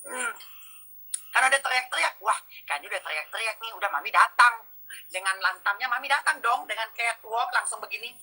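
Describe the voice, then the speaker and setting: High, sharp-voiced woman telling dramatic gossip. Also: expressive, a little fast, husky, poor audio. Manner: loud, dramatic storytelling with mimicry. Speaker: social media personality. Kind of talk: casual gossip chat.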